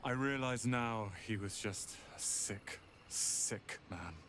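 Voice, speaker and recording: A man's voice: medium pitch, slow, fairly bright tone, a little hiss or hum. An actor playing a bitter, proud young male tiefling wizard in a video game, clipped and resentful.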